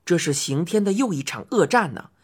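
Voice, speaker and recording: A woman narrating a children's fantasy story as an audiobook, expressive and rising to cries in excited passages. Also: fairly low pitch, brisk, slightly rough.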